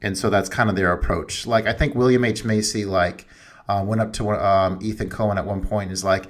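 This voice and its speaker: Rambling low-voiced male podcast host. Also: fairly even intonation, a little fast. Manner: rambling, loose and talkative. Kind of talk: casual chat.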